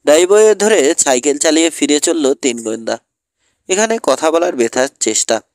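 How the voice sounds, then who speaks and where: A man narrating an audiobook in a steady storytelling manner. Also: fairly high pitch, normal speed, dry recording, studio quality. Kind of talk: scripted narration.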